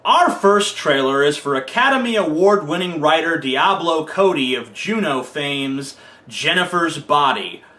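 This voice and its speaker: A sarcastic man with a bright, high voice, ranting and joking as a comedy trailer reviewer. His pitch leaps around as he talks with mock outrage, and the room behind him rings with echo. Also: expressive, unhurried. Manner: sarcastic, exasperated, mock-indignant.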